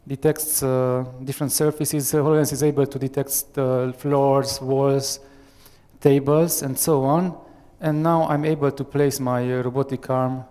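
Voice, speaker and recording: Speaking through a headset in a big conference room full of people, a Romanian-accented man in his thirties, a software architect, presents a live software demo. His mid-range voice is clear and resonant, yet he stumbles with frequent fillers and restarts, and the large hall's reverb lingers.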